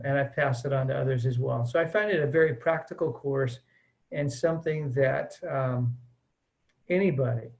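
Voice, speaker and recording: In a relaxed conversational interview, a middle-aged missions mobilizer from the US speaks earnestly and chattily, often saying "uh" and "um." His medium-pitched voice is creaky with a darkish tone, captured on a rough recording.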